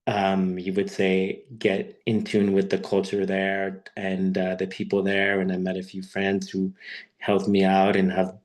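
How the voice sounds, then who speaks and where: A guest speaker in his thirties, born in Peru and raised in Quebec, Canada, gives a personal talk on an online webinar over a video call. His very low voice stays quite flat, and he tells his story haltingly, taking his time.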